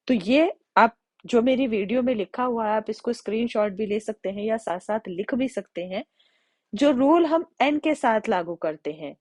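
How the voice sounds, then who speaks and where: A woman teaching English grammar to students, explaining step by step, checking in often, and slowing down to read out example sentences. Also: medium pitch, darkish tone, dry recording.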